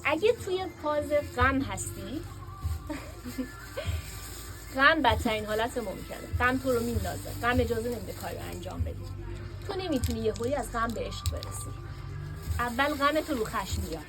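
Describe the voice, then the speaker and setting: A woman teaching a workshop class in a classroom, lively and asking her students questions. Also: a little high.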